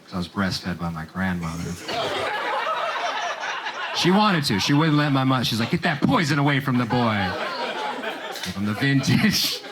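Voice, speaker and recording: A man from Romania performing a stand-up set on a theater stage, with deadpan jokes and quick voiced asides. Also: mid-range voice, heavy background noise. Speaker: stand-up comedian. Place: comedy theater stage with live audience. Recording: live stage recording with crowd laughter.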